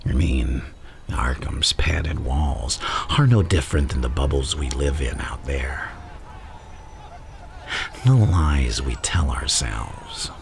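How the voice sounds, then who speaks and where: A man playing a menacing, theatrical mad clown mastermind in an ASMR roleplay, insinuating and drawn-out, with a gravelly voice that slips into breathy whispers. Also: rumbling low, background noise, full character voice. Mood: philosophical, sly. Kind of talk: ASMR roleplay villain monologue.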